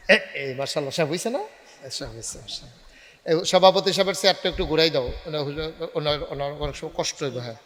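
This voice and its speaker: A man preaches in a fairly high, ringing voice. He slides from crowd banter into long sung phrases and calls for the gathering to answer back. The voice carries a long reverb tail from a public address system at a night gathering. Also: a bit bright. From Bangladesh. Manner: breaks into sung, chanted delivery and rouses the crowd to call back; banters with the audience and gives directions to the crowd. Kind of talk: Bengali waz sermon.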